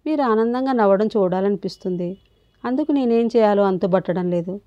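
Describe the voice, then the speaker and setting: An earnest, tender young man, as a woman narrator voices him who speaks in a comforting way. Her tone stays mellow, and the recording is dry and a little dull. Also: mid-range voice, fairly quick, dry recording, close to an everyday voice.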